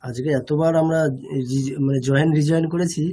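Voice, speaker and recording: A male teacher speaks over a video call in a somewhat high voice. He explains slowly and patiently, repeats his points, and keeps checking whether his students follow. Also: steady tone, dark tone, a little hiss or hum. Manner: patient, repetitive, often checks understanding. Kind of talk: online class lecture.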